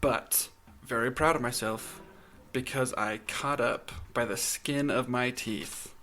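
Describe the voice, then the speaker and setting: A man's voice: mid-range voice, steady tone, takes it slowly, sharp tone. A man co-hosting a podcast in casual chat, with a wry, bantering manner. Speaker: podcast co-host.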